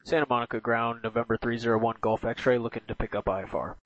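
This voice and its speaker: A man's voice: mid-range voice, steady tone, fast talker. A man flying as a pilot, calling ground control over an aviation radio transmission and hesitating as he reads back. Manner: hesitant, many uh fillers. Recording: muffled dry radio audio.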